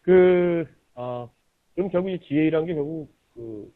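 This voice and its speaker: Over thin, tinny, radio-like lo-fi audio, a fairly high-pitched man hosts a book interview. He presses his guest with probing questions and frequently murmurs agreement during the pauses.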